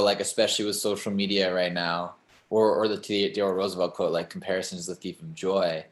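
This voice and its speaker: A young man talking casually as an interview guest, rambling, with many "like" and "you know" fillers. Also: sits low. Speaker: singer-songwriter guest. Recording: roomy echo.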